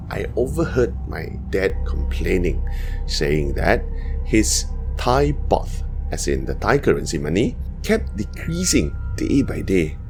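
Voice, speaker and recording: Low gravelly man narrating a haunting story. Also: a little mellow. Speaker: storyteller, narrator of scary stories. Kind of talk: scary bedtime story narration in the first person.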